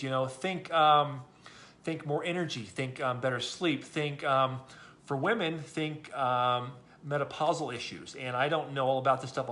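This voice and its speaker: Middle-aged guy, bright forceful voice, rambly testimonial talk with lots of ums. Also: mid-range voice. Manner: rambling, many ums and restarts. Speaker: product testimonial speaker.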